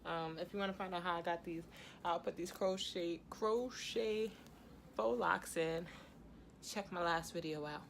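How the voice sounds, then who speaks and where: A woman's voice: fairly low pitch, fairly even intonation, moderate pace, gravelly. A woman chatting casually through a makeup tutorial as a beauty vlogger, giggly, tipsy and rambling. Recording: noisy room ambience behind voice.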